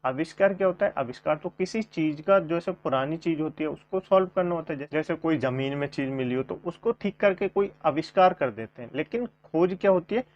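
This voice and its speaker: A man's voice: fairly high pitch, a little fast, few pauses. A man teaching a grammar coaching class, asking questions and repeating the answers to his viewers. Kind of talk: online coaching class lesson. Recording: dull lo-fi sound.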